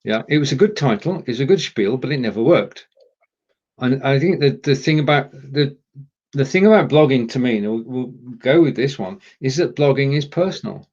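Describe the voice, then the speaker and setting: An English man who hosts and produces a casual online chat show explains things in a stop-start way over a live streaming video call. His medium-pitched voice is animated and a little mellow, at a moderate pace, with the highs cut off.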